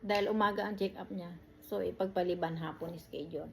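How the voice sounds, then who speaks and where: A woman's voice: on the low side, steady tone, a little fast, gravelly, darkish tone, slight background noise. A woman caregiver telling stories in a chatty way, in short phrases and with frequent laughter, recorded on a phone. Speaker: caregiver and vlogger. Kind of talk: casual storytelling chat.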